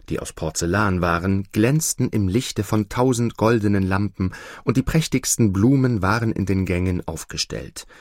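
A man reading a fairy tale aloud in a slow, expressive storybook manner. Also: on the low side, no room sound, clean studio sound. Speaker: narrator.

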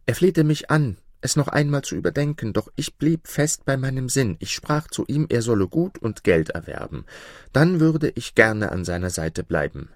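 A sorrowful young maid, as a male narrator puts her on, lamenting with her voice lifted higher than his own. The storybook reading sounds dry and close. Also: animated, moderate pace, no echo, close to an everyday voice. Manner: lamenting, tearful. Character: grieving young maid full of guilt.

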